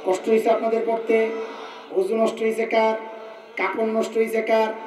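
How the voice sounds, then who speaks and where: High-voiced man preaching in an echoey hall. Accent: Bangladeshi Bengali, colloquial. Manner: animated, chanting Arabic verses in a drawn-out sing-song; asks the crowd questions and jokes with them. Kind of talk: Islamic sermon. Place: mosque or large gathering. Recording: echoey, distant mic with faint noise.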